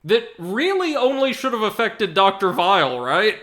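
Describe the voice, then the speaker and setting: A man's voice: high-pitched, sing-song, moderate pace, sharp tone. A man hosting a casual game playthrough, giving articulate, explanatory asides. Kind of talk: casual gameplay commentary with analytical asides.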